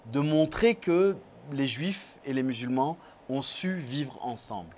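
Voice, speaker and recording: A man's voice: medium pitch, lively intonation, slow pace, a little mellow. A man in his forties with a French accent, a guest answering interview questions thoughtfully, with many hesitations. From Morocco, raised in France. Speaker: guest filmmaker. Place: small studio set with brick wall. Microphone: lapel mic.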